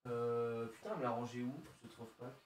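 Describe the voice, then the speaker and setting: Opening trading card packs on a live stream, a man chats casually, cracking jokes, making puns and laughing a lot. His mid-range voice moves fairly quickly, with a little hiss or hum in the audio.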